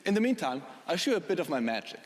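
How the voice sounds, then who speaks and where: A man's voice: a little high, big pitch swings, very fast. A man performing as a stage magician, giving patter to a theatre audience. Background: music and audience.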